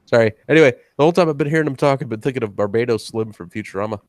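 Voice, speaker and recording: A man's voice: medium pitch, rapid-fire, no echo, studio quality. A man co-hosting a casual chat, jokey and laughing often.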